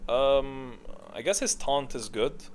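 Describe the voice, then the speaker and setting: A little hiss or hum sits under this man's slow, medium-pitched speech. He's a gamer and video creator ranking game characters off the cuff, rambling, thinking aloud, and correcting himself.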